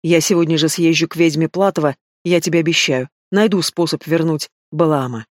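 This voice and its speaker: A man's voice: on the high side, fairly even intonation, brisk, no echo, studio quality, close to an everyday voice. A man voicing a stern werewolf pack alpha. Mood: gentle. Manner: commanding, clipped.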